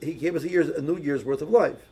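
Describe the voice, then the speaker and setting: A man's voice: fairly high pitch, fast talker, mellow, slightly rough, low-quality recording. A man giving a casual religious lesson, telling anecdotes with many restarts and repeated words. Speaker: religious teacher. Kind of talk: casual teaching talk with anecdotes.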